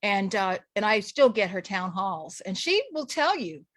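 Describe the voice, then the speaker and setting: A woman's voice: mid-range voice, big pitch swings, unhurried, fairly bright tone, dry recording. A middle-aged woman from Los Angeles, talking casually as a guest in a radio interview, chatty with many restarts and fillers.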